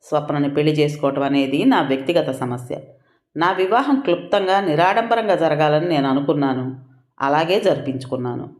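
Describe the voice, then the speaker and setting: A resolute young husband, read by the audiobook narrator speaks in a calm, measured, unyielding way. The recording has a roomy echo around the voice. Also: mid-range voice, natural voice. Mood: firm. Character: firm young husband defending his wife.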